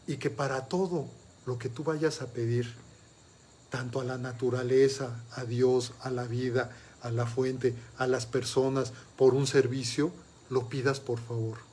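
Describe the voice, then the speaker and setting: A man giving a motivational talk as a life coach. He puts questions straight to the listener and slows down to stress each word in his lists. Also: medium pitch, little pitch movement, a little mellow, slight background noise. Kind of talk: motivational talk with a told story.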